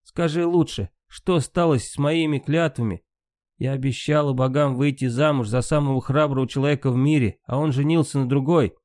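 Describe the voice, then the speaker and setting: Brief: male reader as heated valkyrie queen in a storybook, lifted pitch, mellow tone. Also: no room sound, clean studio sound, close to an everyday voice. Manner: raised, impassioned delivery. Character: proud grieving valkyrie queen, a woman.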